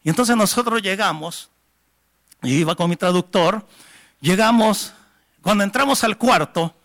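A man preaching, telling a testimony in a dramatic storyteller's way that swells to near-shouts. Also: on the high side. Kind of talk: sermon testimony.

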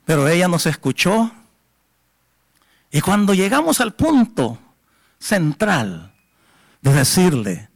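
High, gravelly-voiced preacher telling a story. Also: male voice, big pitch swings, slow pace, long pauses. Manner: dramatic storytelling, swelling to near-shouts. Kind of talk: sermon testimony.

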